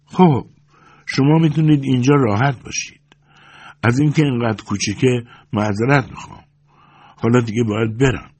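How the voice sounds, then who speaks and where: Brief: man doing a humble, flustered old woman in an audiobook, husky and high, full of pleading exclamations. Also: pauses often, darkish tone, natural voice. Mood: apologetic. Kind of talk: audiobook character reading.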